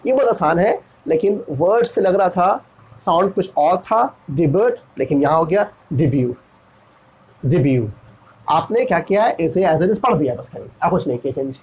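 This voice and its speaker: A man's voice: high-pitched, lively intonation, moderate pace, a little mellow, slight background noise, low-quality recording. A man from India teaching pronunciation, repeating each word and spelling it out letter by letter. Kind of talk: classroom pronunciation lesson.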